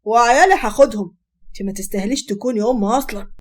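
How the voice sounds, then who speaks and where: Storybook figure: a woman doing a betrayed Egyptian husband, curt and bitter, high and fast-spoken. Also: close to an everyday voice. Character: wronged young husband, bitter and firm.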